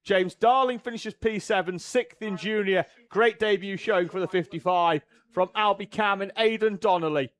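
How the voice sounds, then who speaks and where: A man giving live race commentary, briskly running through driver names and positions. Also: high voice, a bit bright.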